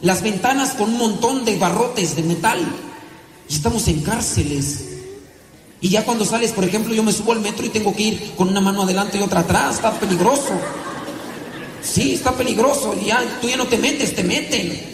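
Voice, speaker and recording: A high-voiced Mexican priest preaching with a Mexican Spanish accent, asking rhetorical questions and laughing lightly between points. His voice rings through an echoey room with a long reverb tail. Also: normal speed, background noise. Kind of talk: sermon.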